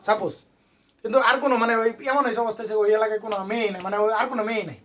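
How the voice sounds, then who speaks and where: A male tutor runs an informal lesson for students, firing off one question after another. His voice sits high and his pace is quick. He talks to the students in a small room. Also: steady tone, a bit bright, a little hiss or hum. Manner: quizzing students with constant questions. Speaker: private tutor.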